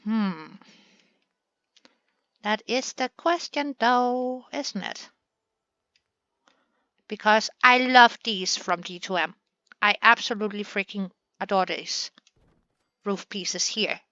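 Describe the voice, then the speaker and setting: A woman's voice: medium pitch, slow pace, pauses often, bright, forceful tone, dry recording, muffled recording. A woman hosting a gaming channel, chatting through a building session in a playful way and talking to the game pieces as she works.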